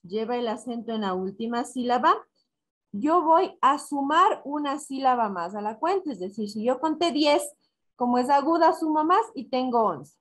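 A woman teacher giving a recorded class, explaining slowly and step by step, counting syllables aloud and answering her own questions. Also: high voice, lively intonation. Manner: slow and deliberate, counting syllables aloud and asking herself questions. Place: school in Ecuador.

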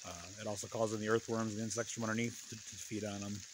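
This fast-talking man has a lowish voice, and background noise is audible. In his fifties, the permaculture farmer casually leads a rambling, plain-spoken tour of his wooded hillside terraces outdoors, his phone held at arm's length.

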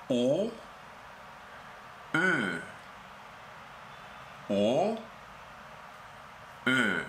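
A man from Austria, a German speaker with an Austrian German accent, gives a relaxed Spanish-language lesson on pronunciation and patiently repeats each sound many times. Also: mid-range voice, reverberant, slight background noise. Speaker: German teacher.

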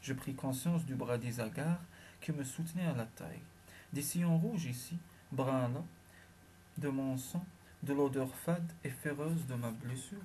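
Mellow male audiobook narrator. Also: medium pitch, slight background noise. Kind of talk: scripted first-person narration.

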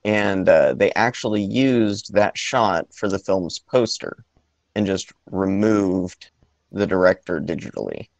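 A man chats slowly through a movie podcast, with frequent pauses and restarts. His voice sits very low and has a gravelly fry to it. The recording is dry and close. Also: lively intonation, dry recording, lo-fi sound. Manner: hesitant, many ums and restarts. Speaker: podcast co-host. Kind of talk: casual movie podcast chat.

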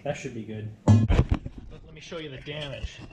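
Loud music plays behind this mid-range male voice at a moderate pace. He's a home cook vlogger in his 20s from Rhode Island, narrating informally and emphatically from his indoor kitchen, repeating phrases, recorded on an action camera close or at arm's length with clicks in clear background noise.

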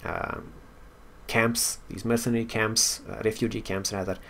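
A man's voice: lowish voice, little pitch movement, moderate pace, gravelly, a bit bright, slight background noise. Man thinking aloud over a game. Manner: thinking aloud, wry asides. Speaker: game player and commentator. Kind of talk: casual gameplay commentary, reading story text aloud.

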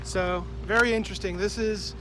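A man's voice: high-pitched, steady tone, moderate pace. A man in his forties walking along a rural road, filming himself on a phone held at arm's length and chatting in a rambling, self-correcting way between passages he reads from a book. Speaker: vlogger. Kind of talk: walking vlog with book reading. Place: outdoors on a rural roadside. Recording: loud wind noise on phone mic. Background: wind and passing vehicles.

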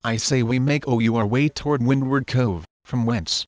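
A man's voice: mid-range voice, normal speed, dry recording, natural voice. A man voicing a wily, flippant pirate captain in a motion comic, with a wordy, theatrical manner. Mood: sly, flippant. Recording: background music under the voice.

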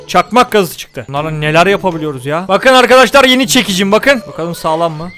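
With music in the background, this young YouTuber delivers comedic let's-play commentary on a survival game, narrating his moves with jokes and loud outbursts at the game. He talks fast in a high-pitched, animated voice.

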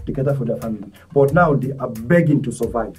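A man, a charity volunteer speaking as a guest in earnest, halting talk full of restarts. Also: mid-range voice, a little mellow. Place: studio set. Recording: distant mic, faint music behind.

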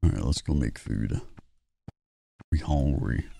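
A man's voice: rumbling low, lively intonation, measured pace, creaky, warm tone. A man giving casual, joking let's play commentary, swearing freely. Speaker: gaming streamer.

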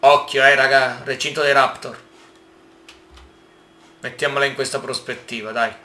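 A man giving casual gameplay commentary, excitable and exclaiming often as he talks to his viewers. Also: medium pitch, moderate pace, echoey room. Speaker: gaming YouTuber.

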